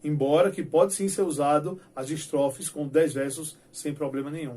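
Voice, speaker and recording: A man's voice: fairly high pitch, a little mellow. A man from Brazil teaching cordel poetry in a video lesson, chatting playfully and reciting verses with rising emphasis.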